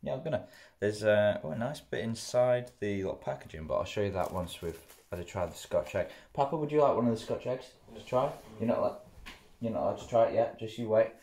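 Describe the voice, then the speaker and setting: A young man with a fairly low voice rambles casually through a food review in his living room. He chats close to the camera and often talks with food in his mouth. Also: expressive, fast, a little mellow. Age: young adult. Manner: chatty, rambling, mouth often full while chewing. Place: living room at home, indoors. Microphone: camera close in front.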